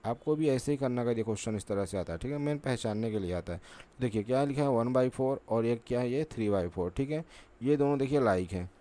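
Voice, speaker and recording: A man's voice: medium pitch, animated, a little fast, warm tone. A man teaching a maths lesson at a board, patient and repetitive, asking himself questions and answering them. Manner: patient, repeats "ठीक है" and asks rhetorical questions.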